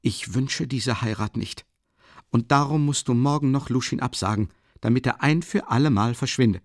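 A man reads the part of a feverish, proud young man who speaks tensely and commandingly, with an insistent mood. He uses a medium pitch at a moderate pace, pitched above his own voice but close to everyday speech. The recording is clean studio sound with no echo.

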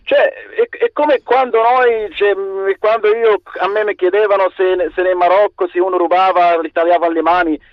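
A male phone-in caller with a Moroccan accent speaks haltingly in a slightly high voice, often repeating himself. The line is dull and dry. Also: steady tone, no room sound. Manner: halting, repeats and restarts phrases. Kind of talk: spontaneous phone-in talk.

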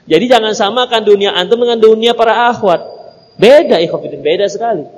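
A male preacher delivers an animated, humorous sermon, slipping into little acted exchanges. His voice sits very high. The recording carries the long reverb of a big hall. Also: moderate pace, dull audio, a little hiss or hum. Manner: animated, joking, acts out little dialogues. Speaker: Islamic preacher.

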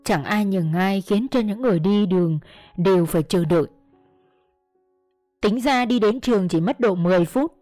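A woman narrating a first-person story in a steady storytelling manner. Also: mid-range voice, normal speed, pauses often, no room sound. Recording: dry close mic, faint music.

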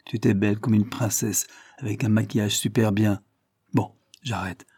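Guy doing a shy sweet teen girl, soft and earnest, mellow husky tone. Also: lowish voice, fairly even intonation, normal speed, no echo, studio quality. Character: shy, gentle teenage girl.

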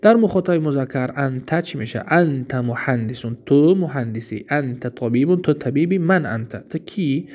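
A man's voice: medium pitch, expressive, a little mellow. Man teaching grammar, asking and answering himself. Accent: Tajik. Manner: explains slowly, asks himself questions and answers them; reads Arabic examples, then translates each one. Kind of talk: recorded lesson.

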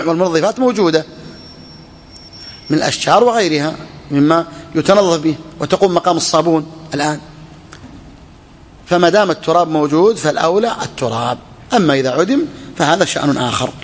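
Man, religious scholar, lecture, repeats phrases, raised pitch, reverberant hall. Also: animated, a little fast, pauses often. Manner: repeats key phrases, asks and answers questions. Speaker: Islamic scholar teaching a fiqh text. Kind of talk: classroom lecture on a text.

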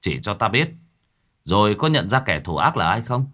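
A man's voice: lowish voice, big pitch swings, normal speed, a bit bright. A male storyteller voicing a young exorcist who barks commands and questions a spirit sternly. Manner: barking orders, stern questioning. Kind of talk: horror story narration.

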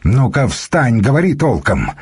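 A man's voice: medium pitch, sing-song, a little slow, darkish tone, breathy edge, voice pushed up, exaggerated voice. A man voicing a stern noblewoman, the lord's wife, who gives curt orders. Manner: stern, then fearful whispering.

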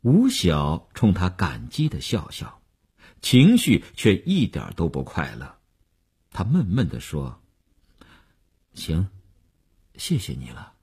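Male audiobook narrator: very low, husky voice, expressive reading. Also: a little slow. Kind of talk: scripted narration.

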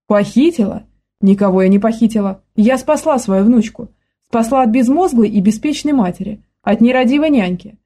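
Audiobook: a barking, spiteful old grandmother, read by a woman with a husky, smoky voice. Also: on the high side, moderate pace, dark tone, natural voice. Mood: shrill scolding. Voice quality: hoarse, smoky. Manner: barking, scolding.

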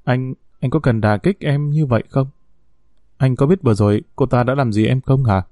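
A man's voice: medium pitch, normal speed, mellow, no echo, clean studio sound, close to an everyday voice. A man reading a storybook as a scheming young female secretary who whines and complains tearfully. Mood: indignant.

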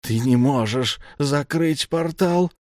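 A man voicing a desperate male commander who yells in harsh demands. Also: on the high side, slow, no room sound, clean studio sound, voice pushed up. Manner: yelling in despair.

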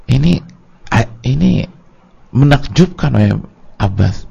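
Gravelly, animated Indonesian preacher man. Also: mid-range voice, takes it slowly, dull audio. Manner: lively storytelling, acts out quoted voices. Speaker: Islamic preacher. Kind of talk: religious study lecture.

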